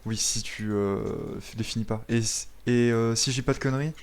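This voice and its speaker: A man's voice: mid-range voice, fairly even intonation, normal speed, a little mellow, clear, resonant tone. Laughing, teasing gamer guy. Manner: laughs often, teasing, swears. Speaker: streamer playing support. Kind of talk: casual gaming chat.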